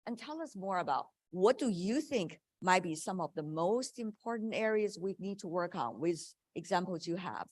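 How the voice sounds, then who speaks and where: A woman's voice: lowish voice, big pitch swings, moderate pace, few pauses, no room sound. A woman moderating a policy panel discussion, affirming speakers and making joking asides.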